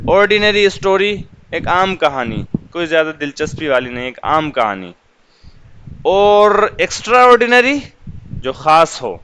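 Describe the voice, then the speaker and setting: A man teaching English vocabulary in Urdu, repeating each meaning and saying the example sentences slowly and carefully. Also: a little high, fairly bright tone, a little hiss or hum, low-quality recording. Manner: slow, deliberate reading of English examples, repeating glosses. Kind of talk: vocabulary lesson explaining English words in Urdu.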